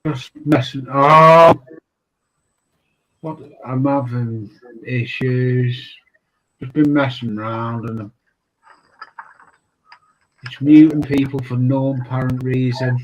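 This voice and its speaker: A man hosting a livestream, chatting in an offhand, relaxed way. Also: medium pitch, takes it slowly, long pauses, rough recording. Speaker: livestream host. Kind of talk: casual chat.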